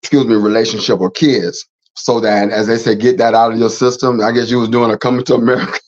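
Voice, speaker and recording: A man's voice: mid-range voice, level tone, fast, darkish tone. A middle-aged man hosting a casual faith talk show, rambling and repeating words as he goes. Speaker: host. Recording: slightly dull, lo-fi sound.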